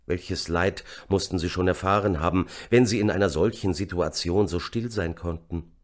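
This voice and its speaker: A man narrating an audiobook in a measured, somber reading. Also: sits low. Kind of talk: scripted narration.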